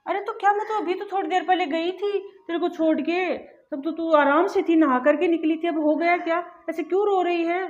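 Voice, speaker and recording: A woman's voice: very high-pitched, fairly even intonation, normal speed, few pauses. An actress playing a caring, motherly mother-in-law who soothes and fusses in a family drama. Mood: concerned. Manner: soothing and fussing. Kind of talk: amateur family short-film acting. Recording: dull lo-fi audio, soft music.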